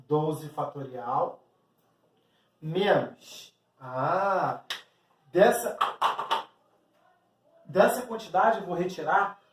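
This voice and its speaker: High-voiced Brazilian math teacher, echoey room. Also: male voice, very slow, pauses often, distant mic. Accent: Brazilian Portuguese. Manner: explanatory, addresses the student directly, acts out student questions. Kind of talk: exam-prep math lesson.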